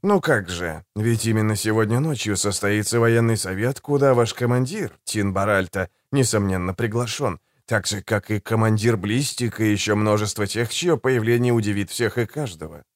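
A man reading an audiobook, voicing a suave, condescending male assassin in a soft, low, silky voice. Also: moderate pace, hardly any pauses, dry recording, studio quality, natural voice. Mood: silky, ironic. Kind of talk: audiobook character voice.

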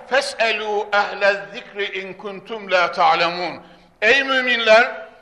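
A man preaching a sermon into a pulpit microphone in a large hall. He declaims Arabic quotations and then drops to hushed, earnest tones. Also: very high voice. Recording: echoey hall with long reverb.

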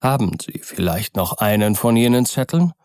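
A man voicing a sober, measured male lawyer who speaks low and calm. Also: dry recording, studio quality. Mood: grave. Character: grave, composed male lawyer.

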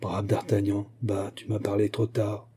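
A man's voice: fairly low pitch, monotone, unhurried, warm tone, breathy edge. A man reading aloud and voicing an anxious, powerful minister who calls out in alarm and urgency. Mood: despairing. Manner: urgent, alarmed, rising to cries.

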